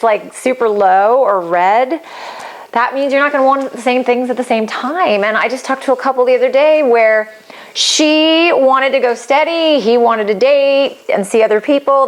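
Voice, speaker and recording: Chatty woman astrologer, animated and expressive. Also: on the high side. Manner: chatty and animated, acts out quoted reactions, laughs lightly. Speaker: astrologer explaining a compatibility report. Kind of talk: casual explainer talk.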